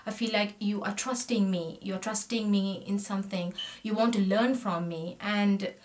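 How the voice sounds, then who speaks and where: With a medium pitch, fairly even intonation and normal pace, a friendly makeup vlogger from Sri Lanka, in her thirties, talks to a close-up camera as she applies makeup. She chats readily but often trails off mid-sentence, filming in a small indoor room with a plain backdrop.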